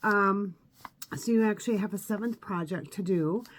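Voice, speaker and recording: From her craft room at home, a woman in her fifties walks viewers step by step through a live craft tutorial, chatty and full of ums and uhs. She's slightly sniffly from allergies, speaks at normal speed in a mid-range voice, and there's slight background noise.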